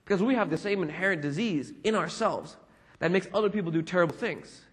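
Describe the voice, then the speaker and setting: A man's voice: sits high, animated, quick pace, breathy edge. A young man preaching a casual, conversational sermon as a pastor, full of "you know" and "like" fillers. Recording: long reverb of a hall.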